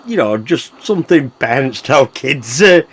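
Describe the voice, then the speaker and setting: A man's voice: mid-range voice, expressive, measured pace, husky. A man playing a flustered, blustery old Santa Claus in a radio play.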